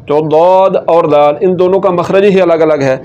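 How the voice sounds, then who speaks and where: A man teaching Quran recitation, explaining letter sounds step by step and repeating words slowly. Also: on the high side, steady tone, darkish tone, highs cut off. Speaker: tajweed teacher.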